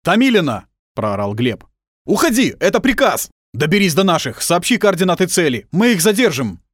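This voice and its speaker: A man voicing a young army lieutenant who shouts orders to his soldiers. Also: mid-range voice, lively intonation, normal speed, no echo, studio quality, close to an everyday voice. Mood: commanding. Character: young male army lieutenant, commanding and steely. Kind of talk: audiobook character voice.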